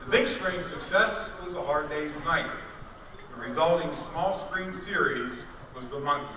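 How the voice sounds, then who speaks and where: A man reading formal, scripted documentary narration in a measured way. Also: on the high side, lively intonation. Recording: played back in a reverberant hall from far off, crowd noise.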